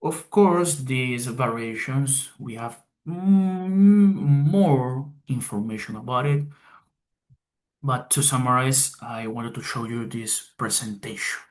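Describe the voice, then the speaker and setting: Halting man reading a class presentation. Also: medium pitch. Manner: halting, with pauses and restarts. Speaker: student presenter.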